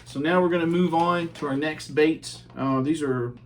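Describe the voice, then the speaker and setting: A man's voice: fairly high pitch, moderate pace, a little hiss or hum. Easygoing man reviewing fishing baits. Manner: relaxed, chatty, many ums and uhs. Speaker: fishing channel host. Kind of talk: casual bait review.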